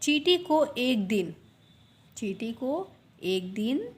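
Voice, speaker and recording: A woman's voice: a little high, very animated, takes it slowly, breathy edge. A woman primary school teacher telling a story to young children. She repeats each line and asks quiz questions as she goes.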